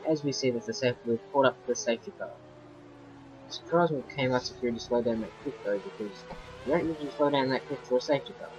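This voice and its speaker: Rambling, excitable man commentating a race. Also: medium pitch, fast, background noise. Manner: excitable, rambling, flares into loud frustration. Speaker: racing game commentator. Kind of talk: casual gameplay commentary. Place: bedroom. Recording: muffled lo-fi with faint game music.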